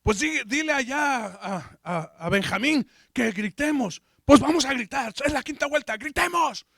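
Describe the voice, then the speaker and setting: Brief: man doing an urgent, impatient Israelite man, pitched high and calling out. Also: lively intonation, measured pace, gravelly, fairly bright tone, slightly rough, no echo, studio quality, heavily acted. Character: impatient Israelite man urging the others to shout.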